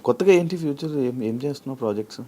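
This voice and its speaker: A man's voice: medium pitch, lively intonation, very fast, warm tone. A man hosting an interview, asking short questions and murmuring hmm as he listens. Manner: short prompts and murmured hmms. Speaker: interview host. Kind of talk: casual interview.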